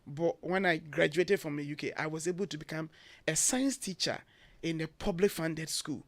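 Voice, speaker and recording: A Ghanaian man who heads an education agency appears as a guest on a morning radio show, speaking in a radio studio with no room sound. His voice is fairly high and his pace moderate, and he gives earnest, emphatic advice, listing his points one by one.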